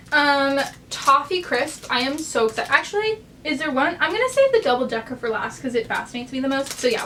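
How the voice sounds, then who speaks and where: A woman's voice: sits high, a bit bright, far from the mic, a little hiss or hum. A young American woman vlogging casually from her bed, rambling chattily with lots of fillers. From United States. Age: young adult. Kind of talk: casual chat. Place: in bed, bedroom.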